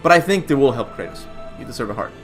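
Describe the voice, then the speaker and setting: With lively intonation and a fast, mid-range delivery, a young man from Cuba chats through a casual Q&A on his gaming channel. He meanders, makes fun of himself, and laughs whenever he fumbles a word, with faint music in the background.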